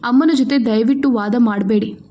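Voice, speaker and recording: A woman's voice: a little high, moderate pace, natural voice. Woman voicing a meek young wife. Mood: tender. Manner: soft, meek. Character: gentle young wife, meek and long-suffering.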